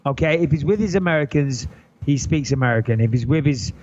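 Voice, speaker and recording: Joking around and cursing, a middle-aged English podcast host with an English accent chats casually and often restarts his sentences. He speaks briskly in a mid-range, darkish voice over dull, lo-fi sound.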